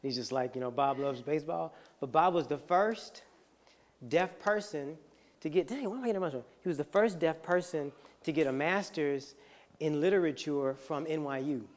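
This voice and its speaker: An instructor runs an interactive discussion with the room, speaking at an ordinary mid pitch in an energetic, conversational way. The delivery keeps reaching out to the listeners for agreement. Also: normal speed. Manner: energetic, conversational, checks in with "right?". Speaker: teacher leading a workshop.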